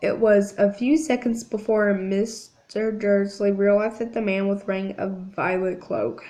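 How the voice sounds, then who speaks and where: Host reading a novel aloud: a woman at an unhurried, halting pace, middle pitch. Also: fairly even intonation, mellow. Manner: halting reading with frequent restarts.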